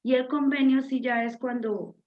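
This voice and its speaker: A woman's voice: high-pitched, steady tone, normal speed, highs cut off. A woman, a student answering her teacher politely and briefly over a video call.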